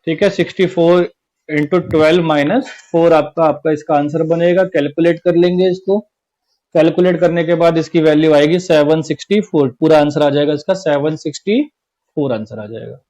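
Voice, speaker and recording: Teaching class-twelve maths online, a man works through every step and goes over the key points again, frequently saying "theek hai". His voice is fairly high and a little mellow, and the recording is rough.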